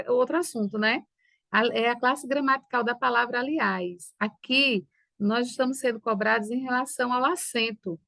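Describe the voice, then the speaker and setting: A woman teaches in a review lesson, her voice sitting a bit high. She explains step by step and keeps checking that her students follow. The sound is dry and close, with no room around it. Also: vocal fry, a bit bright, no room sound. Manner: didactic, checks in with "né?" and "tá certo?". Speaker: Portuguese teacher.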